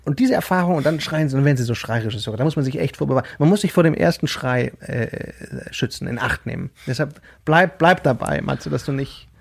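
A man's voice: medium pitch, fast, vocal fry, hardly any pauses, slightly rough. A man in a casual podcast conversation, talking earnestly and explaining at length. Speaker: podcast guest. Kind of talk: casual chat.

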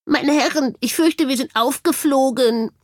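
A woman voicing a flustered cockatoo with a croaky voice, like someone with a bad cold. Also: high voice, a little slow, no room sound, studio quality, voice pushed up. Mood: worried.

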